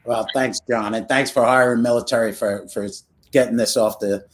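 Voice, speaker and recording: A man's voice: mid-range voice, steady tone, moderate pace. Bantering man with a Brooklyn accent. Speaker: panel guest, nonprofit senior executive. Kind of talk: casual video panel chat.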